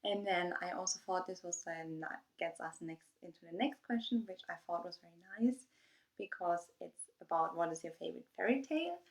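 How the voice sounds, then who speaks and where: A woman's voice: fairly low pitch, lively intonation, moderate pace. A young woman from Germany with a German accent, chatting casually in her first vlog and reading prepared answers from her phone. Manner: rambling, chatty, with frequent fillers. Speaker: YouTuber. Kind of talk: casual get-to-know-me vlog.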